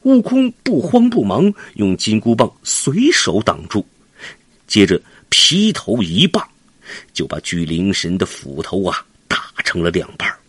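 A man's voice: on the low side, huge pitch swings, measured pace, a bit bright, breathy edge, no room sound. A man narrating a classic adventure tale for children in a dramatic, vivid way. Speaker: storyteller.

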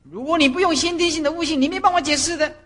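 A middle-aged woman, a Buddhist master lecturing monastic students and telling stories with lively acted-out scenes. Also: high voice, rapid-fire. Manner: animated storyteller who acts out scenes. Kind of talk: doctrinal lecture with personal stories. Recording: reverberant lecture hall.

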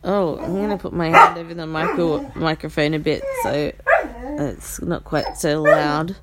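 A woman with vocal fry hosting a casual solo podcast, cranky and rambling, often scolding a dog sharply. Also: deep voice, measured pace, very noisy. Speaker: podcast host. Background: a dog whining and barking.

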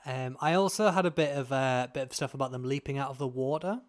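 Guy cohosting a podcast, mid-pitched, keen and jokey. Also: quick pace. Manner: enthusiastic, joking, explains facts. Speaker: podcast co-host. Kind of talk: casual podcast chat.

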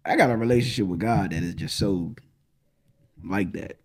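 A man co-hosting a relationship podcast, with a low, gravelly voice. He speaks bluntly and plainly. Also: normal speed. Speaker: podcast co-host. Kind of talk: casual relationship talk.

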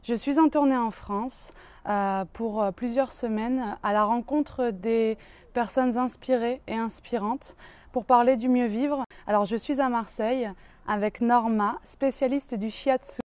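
A woman's voice: on the high side, steady tone, unhurried, darkish tone, dry recording. A woman presenting her touring project and introducing her guest as interviewer. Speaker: interviewer host.

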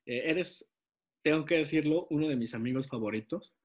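A man's voice: fairly high pitch, normal speed. A man hosting an interview podcast, praising his guest and asking open questions. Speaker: podcast host.

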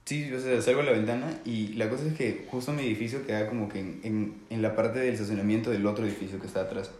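A man's voice: fairly low pitch, fairly even intonation, fast talker, a little mellow. Laughing young man, roomy sound. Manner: laughs a lot, crude slang. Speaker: podcast co-host. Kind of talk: casual storytelling chat. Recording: echoey room.

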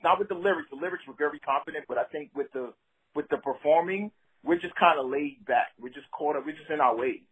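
A man with a Brooklyn accent and a husky voice, a rapper talking casually in an interview in slangy, streetwise, emphatic phrases. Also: a little high, fast, fairly bright tone, rough recording. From Brooklyn, New York City.

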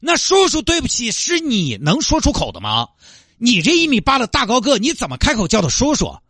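A man's voice: high-pitched, wildly swooping pitch, quick pace, pushed and bright, no echo, studio quality, voice pushed up, full character voice. A man voicing an indignant young male car owner, scolding and exasperated.

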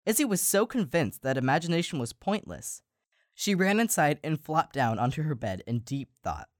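A man co-hosting a podcast and reading a children's story aloud, slowing down for emphasis. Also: mid-range voice, dry recording, clean studio sound. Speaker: podcast co-host and story reader. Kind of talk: storybook narration.

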